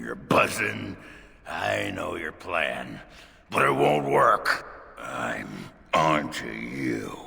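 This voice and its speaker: An actor playing a boisterous, crude drunken dwarf warrior in a video game, rambling in a dizzy slur with a gravelly voice. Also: male voice, low-pitched, bright, forceful tone, in a large hall, exaggerated voice. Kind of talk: video game character acting.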